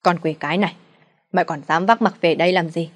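A woman's voice: lowish voice, natural voice. Woman putting on a raging drunken father. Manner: shouting insults, fast and loud. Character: drunken abusive middle-aged father, raging.

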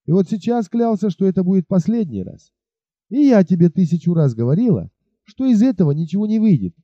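A man voicing a proud, defiant young peasant woman in an audiobook, raising his voice to a high girlish pitch. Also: big pitch swings, normal speed, mellow, dry recording, highs cut off. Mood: scornful, defiant. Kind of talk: audiobook character voice.

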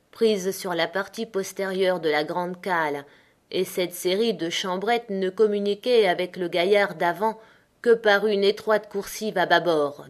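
A woman reading a novel aloud with an even storytelling delivery. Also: mid-range voice. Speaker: audiobook narrator. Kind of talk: scripted narration.

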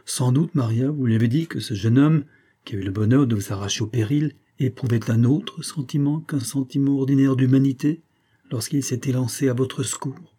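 A man's voice: medium pitch, expressive, moderate pace, mellow, breathy edge. A man reading an impassioned young officer. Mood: urgent. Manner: urgent, impassioned. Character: ardent young male officer, passionate suitor.

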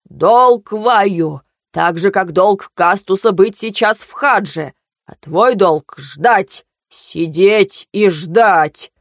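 A woman voicing a stern old male mentor who lectures and shouts in anger. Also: fairly low pitch, measured pace, no echo, studio quality. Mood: shouting.

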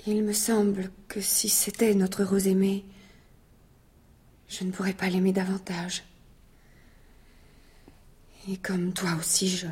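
A woman's voice: mid-range voice, a little mellow, breathy edge. An actress playing Adrienne, a kind and anxious lady in a radio drama, speaking earnestly and emotionally, at times in a whisper. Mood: tender.

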